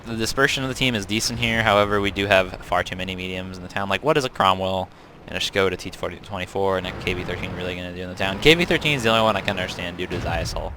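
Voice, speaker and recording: Racing along with few pauses, a low-voiced young game reviewer talks over replays of his tank battles. He's chatty and self-correcting with frequent ums, while a little hiss or hum and loud tank game sounds fill the recording.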